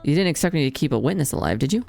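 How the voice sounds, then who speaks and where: A woman's voice: deep voice, expressive, racing, creaky, a little mellow, soft background music. A woman voicing a haughty, murderous young villainess in a game, condescending and gloating like a mustache-twirling villain. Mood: menacing, haughty.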